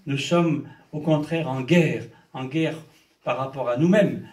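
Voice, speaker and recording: A man's voice: mid-range voice, unhurried, a little mellow. An older man preaching a sermon as pastor. He preaches with emphasis and often breaks in with amen and hallelujah. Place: church. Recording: echoey church hall, mic at a distance.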